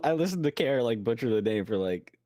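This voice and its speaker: A man's voice: mid-range voice, lively intonation, fast talker, warm tone, dry recording, studio quality. A man doing a casual post-race interview in a joking, colloquial way.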